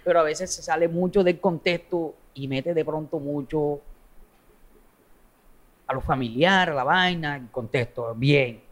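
A man's voice: a little high, unhurried, a bit bright. A man with a coastal Colombian accent chatting casually in an interview, blunt, slangy and foul-mouthed. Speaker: social media content creator being interviewed.

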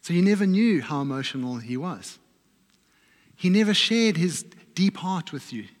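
Male pastor, slightly higher voice, reflective sermon storytelling that drops to soft low lines, church hall with long reverb. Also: sing-song, normal speed. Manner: personal, reflective storytelling, often dropping his voice low and soft.

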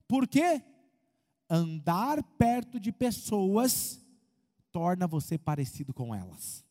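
A Brazilian man preaching as a pastor, animated, asking the crowd questions and acting out quotes. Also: very high-pitched. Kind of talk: lively sermon with humor. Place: church hall. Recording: long hall reverb.

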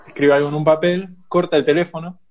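A man's voice: on the high side, fast. Chatty young Argentine man telling a story. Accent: Rioplatense Argentine Spanish. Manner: animated, laughs often, acts out voices in his story. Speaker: guest storyteller. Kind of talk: casual anecdote telling.

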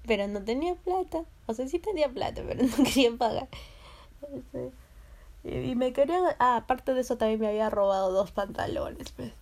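A young woman with a Peruvian accent tells a personal story in a casual, animated way. Her voice sits a bit high and sounds warm and mellow. She laughs often, swears, and slips into the voices of other people. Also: normal speed. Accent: Peruvian Spanish. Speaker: vlogger.

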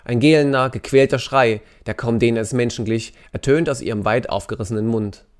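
A man reading a novel excerpt aloud in an intense, expressive storytelling manner. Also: mid-range voice, a little fast. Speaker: narrator. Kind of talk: dramatic audiobook reading.

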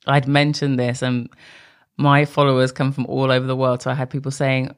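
Talking solo on her podcast, this adult host is candid and chatty, occasionally wandering off track. She has a bass voice with a clean tone, a completely flat delivery, and a moderate pace.

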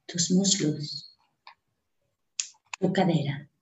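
Slow-paced woman in an echoey room. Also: lowish voice, a little hiss or hum. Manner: unhurried short phrases with long pauses. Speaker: host leading a guided breathing meditation. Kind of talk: guided meditation, slow and soothing instruction. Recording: roomy, echoing sound.

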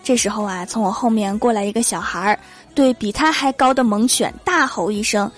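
Lively young woman. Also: on the high side, brisk, faint music behind. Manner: lively, punchy, joking. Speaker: comedy host. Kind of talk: comedic storytelling monologue.

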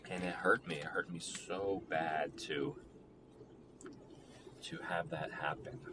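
A young man with a deep, low voice talks through a relationship in a halting, rambling way, full of fillers and restarts. He sounds reflective. Clear background noise runs under his voice. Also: fairly even intonation. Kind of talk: personal monologue about a relationship.

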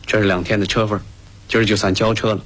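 An actor playing a stubborn, taciturn young laborer who speaks in short, sullen lines, in a radio drama. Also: male voice, on the low side, flat delivery, fast, fairly bright tone. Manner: terse, sullen, few words.

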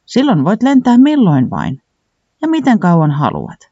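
A man voicing a lively, encouraging storybook creature who gives wise advice, in a high, coaxing voice. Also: no echo, muffled recording, full character voice.

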